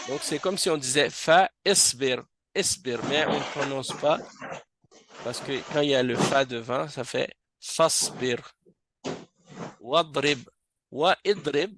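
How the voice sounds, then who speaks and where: Slow, gravelly male Arabic teacher. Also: medium pitch, noisy background. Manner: slow, patient, repeats words to drill pronunciation. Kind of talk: classroom lesson on Arabic reading. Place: mosque classroom.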